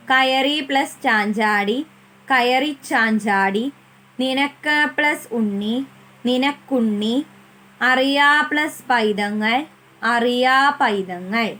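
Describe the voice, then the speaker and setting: A woman teacher with a Malayali accent giving a primary school lesson, repeating each answer slowly for the children to say after her. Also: high voice, fairly bright tone, rough recording.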